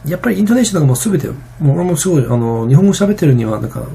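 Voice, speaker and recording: Fast, gravelly, husky-voiced man. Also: on the high side, very animated, mellow. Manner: rambling, many fillers and restarts. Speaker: vlogger. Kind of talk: casual vlog monologue.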